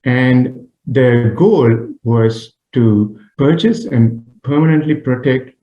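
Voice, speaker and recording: A man from Sri Lanka, a radio interview guest, who speaks haltingly with lots of filler pauses. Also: mid-range voice. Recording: dull, roomy remote line.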